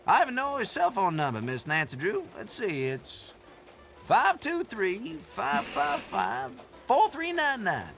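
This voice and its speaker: An actor playing a folksy, teasing old country shopkeeper with an American Southern accent and a youthful, sprightly manner, in a video game. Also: male voice, high voice, wildly swooping pitch, a little slow, vocal fry, a bit bright, faint music behind, exaggerated voice. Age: older. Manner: youthful, spry elder, folksy and playful. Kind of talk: video game character dialogue.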